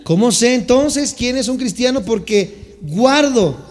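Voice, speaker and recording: High-voiced pastor preaching in a reverberant hall. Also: male voice, expressive, slow pace. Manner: teaching Bible words, asks congregation to respond. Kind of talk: sermon. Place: church sanctuary.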